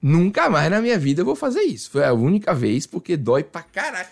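A man's voice: sits high, big pitch swings, quick pace, vocal fry. A man from Salvador, telling a story in casual podcast chat and acting out voices and sound effects. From Salvador, Brazil. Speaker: podcast guest.

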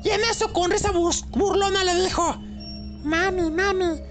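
High-voiced woman telling a horror tale. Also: steady tone, fairly quick. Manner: dramatic, colloquial narration. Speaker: podcast storyteller. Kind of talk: horror storytelling. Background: music.

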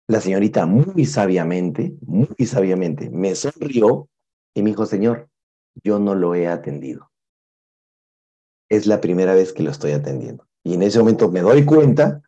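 A man's voice: fairly low pitch, muffled recording. A man telling a personal story with life lessons, acting out the voices of the people in it. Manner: animated storyteller, acts out the voices of others.

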